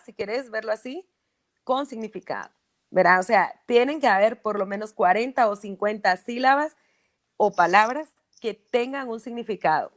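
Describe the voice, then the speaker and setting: A speech therapist, a woman, explaining patiently in an interview and often checking "¿verdad?". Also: fairly high pitch. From Guatemala.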